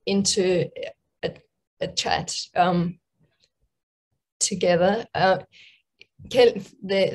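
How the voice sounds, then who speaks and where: Halting middle-aged woman moderating online. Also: mid-range voice. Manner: halting, with fillers and repeated words. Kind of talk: hosting a live online panel. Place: home room indoors. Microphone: video call.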